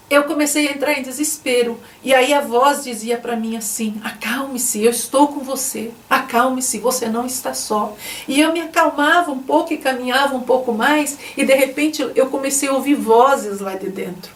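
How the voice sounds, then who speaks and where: High-voiced woman in an echoey room. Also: recorded from a distance. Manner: emotional, repetitive storytelling. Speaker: testimony speaker. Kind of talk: religious testimony to camera.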